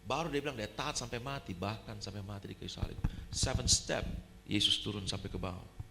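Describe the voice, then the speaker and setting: A male pastor with an Indonesian accent, preaching a sermon in an animated way that swings between loud, high passages and quiet, low ones, with English phrases mixed in. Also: brisk, gravelly, background noise.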